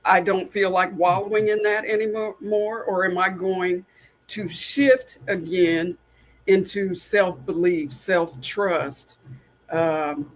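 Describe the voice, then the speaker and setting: A man's voice: sits high, steady tone, takes it slowly. A man in his sixties hosting a casual podcast conversation, speaking in an earnest, openly personal way. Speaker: podcast host.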